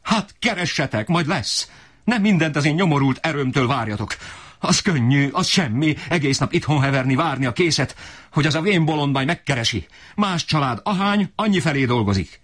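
A man voicing an enraged, desperate poor father who shouts in fury. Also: fairly low pitch, sing-song, slightly rough, voice pushed up, heavily acted. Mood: raging. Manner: shouting, raging.

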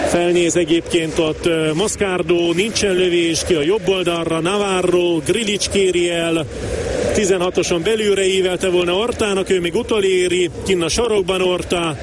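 A man giving live Hungarian football commentary, following play in clipped phrases and player names. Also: high voice. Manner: clipped play-by-play phrases, naming players as they get the ball. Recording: clear stadium noise behind the voice.

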